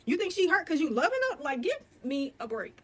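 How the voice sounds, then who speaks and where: High fast-talking scolding woman. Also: very animated, a bit bright. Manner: scolding, repetitive, emphatic. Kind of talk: emphatic commentary.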